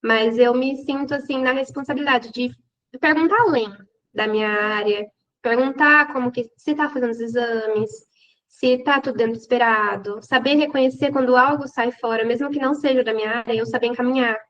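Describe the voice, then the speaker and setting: A woman's voice: on the high side, fairly quick, a bit bright, slight background noise. A woman guest with an interior São Paulo accent, talking in an earnest, reflective way that often ends on "né?". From Brazil. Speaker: guest physiotherapist. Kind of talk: casual interview chat. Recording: dull lo-fi sound.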